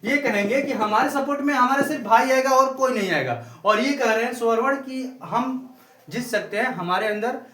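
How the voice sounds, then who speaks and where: High-voiced male teacher in echoey room. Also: sharp tone. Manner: repetitive, drawn-out word-by-word dictation. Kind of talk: classroom grammar lesson.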